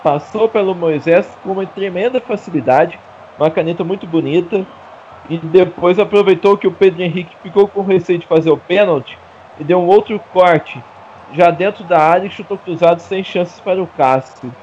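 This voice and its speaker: A man's voice: high-pitched, normal speed, darkish tone. A man with a Brazilian Portuguese accent giving conversational analysis during a live football match. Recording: dull band-limited sound, stadium noise.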